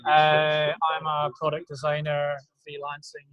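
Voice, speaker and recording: A Scottish man introducing himself as a freelance product designer on a video call, with quick self-deprecating asides. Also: fairly high pitch, monotone, fairly bright tone, smooth, no room sound, highs cut off, soft background music. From Scotland.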